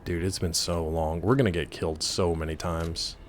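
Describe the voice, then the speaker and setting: A man's voice: low-pitched, steady tone, moderate pace, faint music behind. A man giving casual, rambling gameplay commentary, joking playfully as he chats with his viewers. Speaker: game streamer.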